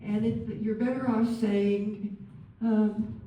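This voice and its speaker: A woman working as a nurse and counsellor, giving a chatty, gentle talk to a group and acting out example phrases. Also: mid-range voice, flat delivery, slow, lo-fi sound, a little hiss or hum. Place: large room with an audience. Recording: very echoey room, far from mic.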